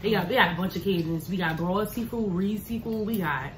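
A woman's voice: mid-range voice, brisk, recorded from a distance. Blunt New Orleans woman guest. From New Orleans, USA. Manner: blunt, matter-of-fact. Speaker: guest YouTuber. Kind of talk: casual chat. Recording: echoey room, faint noise.

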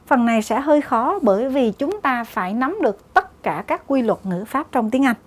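A woman's voice: on the high side, animated, normal speed, breathy edge. A woman with a Vietnamese accent working through English exam questions in Vietnamese, explaining each answer step by step. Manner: methodical, mixes English terms into Vietnamese explanations. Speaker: English exam prep teacher.

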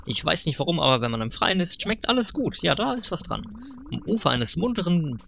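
A man's voice: a little high, big pitch swings, fairly quick, gravelly, fairly bright tone, slight background noise, pitched above the performer's own voice, exaggerated voice. A man voicing a friendly animal villager making cheerful small talk. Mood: chatty.

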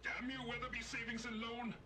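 A man's voice: very high voice, little pitch movement, a little fast, bright, forceful tone. A man voicing a pompous, commanding robot ship captain in a video game, speaking in grand, old-fashioned naval phrases. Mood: grandiose. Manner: grandiose, archaic naval speech.

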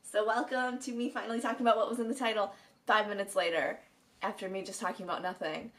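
A woman's voice: medium pitch, fairly even intonation, quick pace, fairly bright tone. Chatty young woman in a morning voice. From Minnesota. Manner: chatty, rambling, giggly. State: morning voice, just woke. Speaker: vlogger. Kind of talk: casual chat to camera. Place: at home, indoors. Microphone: camera on a stand.

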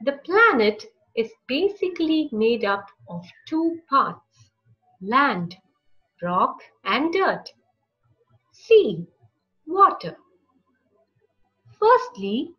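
Reading a storybook to young children, a high-voiced woman narrates slowly and without hurry, her intonation shifting expressively with each phrase. It's a read-aloud picture book session, recorded a little dully with background music.

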